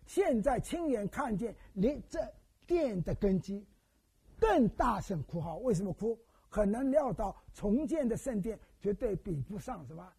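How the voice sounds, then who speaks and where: Old guy preaching, really husky voice, higher pitched, kind of mellow tone, keeps asking the crowd questions. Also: measured pace. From Wenzhou, China. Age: older. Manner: animated storytelling, quizzes the congregation with questions. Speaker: pastor. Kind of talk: sermon.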